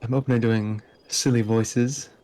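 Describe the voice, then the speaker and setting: Brief: easygoing male co-streamer, mid-pitched, short answers. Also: level tone, measured pace, a little mellow. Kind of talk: casual chat.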